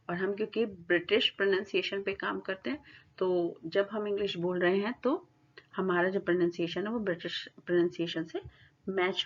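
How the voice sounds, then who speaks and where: Woman teacher, mid pitch, explanatory lecture style, lo-fi recording. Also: breathy edge. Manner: explains in Hindi, reads definitions slowly in English. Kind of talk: classroom lecture.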